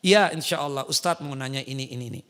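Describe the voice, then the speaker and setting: Timid woman on the phone to her teacher, soft and halting, played by a man. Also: medium pitch, smooth, big-room sound, pitched below the performer's own voice, natural voice. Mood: soft polite. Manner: soft, hushed, hesitant. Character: timid polite woman caller to a preacher.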